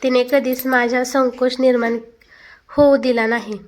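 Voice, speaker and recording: High-voiced woman narrating a family story. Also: moderate pace, slight background noise. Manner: reads all characters' dialogue in one steady narrating voice.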